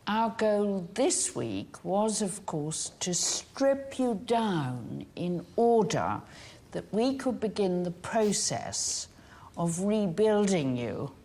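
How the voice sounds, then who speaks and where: Slow, stern headmistress woman. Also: fairly low pitch, a little mellow. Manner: stern and measured. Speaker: finishing school headmistress. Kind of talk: formal address to students.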